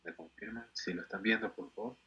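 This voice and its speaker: Male teacher, patient and explanatory, bright edgy tone on dull call audio. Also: fairly low pitch, slightly rough. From Ecuador. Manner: patient, explanatory, repeats words slowly for students. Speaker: English teacher. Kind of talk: online class instruction.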